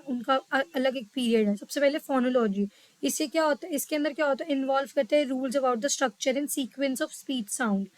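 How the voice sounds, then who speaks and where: A woman teaching a psychology lesson, reading English lines slowly and explaining them in quicker Hindi, often checking in with her listeners. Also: sits high, no room sound, rough recording. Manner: checks in with "ठीक है". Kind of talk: lecture mixing Hindi and English.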